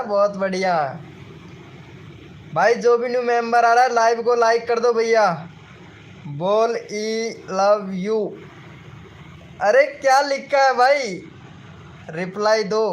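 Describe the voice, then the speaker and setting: A strikingly high-pitched man hosts a casual live stream. He reacts to viewers' comments with excited, repetitive chatter and addresses everyone as brother.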